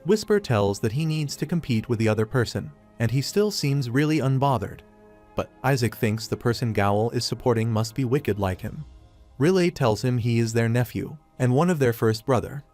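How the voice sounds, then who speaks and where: A man's voice: mid-range voice, a little mellow, no echo. Man narrating a comic recap over faint music.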